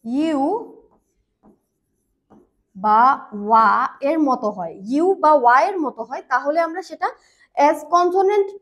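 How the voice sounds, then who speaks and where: A woman teaching English grammar in a patient, repetitive way, slowing down on key words and using fillers. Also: high voice, lively intonation. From Bangladesh. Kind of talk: grammar lesson explanation.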